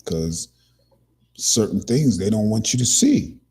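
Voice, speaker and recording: A man's voice: fairly low pitch, big pitch swings, takes it slowly, dark tone, husky. A man hosting a casual commentary talk, rambling with many restarts and fillers. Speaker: podcast host.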